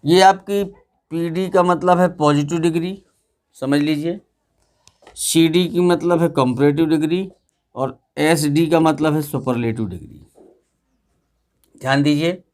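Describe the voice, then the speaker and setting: Male teacher with a slightly high voice, drilling grammar rules in class through call-and-response. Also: darkish tone, clean tone. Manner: asks students questions and repeats the answers.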